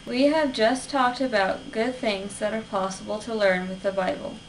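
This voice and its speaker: A woman's voice: medium pitch, steady tone, moderate pace. A young adult woman student giving an earnest, structured persuasive speech for a class. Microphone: camera at a distance. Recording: distant camera with faint hiss.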